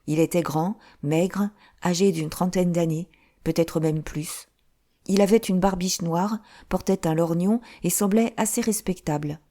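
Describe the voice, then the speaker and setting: A woman reading a detective novel aloud as scripted audiobook narration, measured and even. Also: on the low side. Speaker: audiobook reader.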